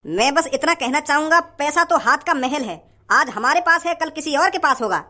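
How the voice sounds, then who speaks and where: A man's voice: extremely high pitch, expressive, moderate pace, full character voice. An actor playing a rich, generous young man who lectures a stingy shopkeeper in a comedy sketch. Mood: lecturing. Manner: forceful, lecturing.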